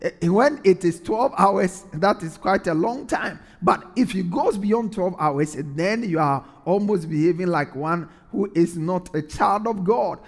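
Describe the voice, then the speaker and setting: A man's voice: high voice, a little slow, few pauses, in a large hall. A man preaching a sermon in an earnest way, repeating phrases for emphasis.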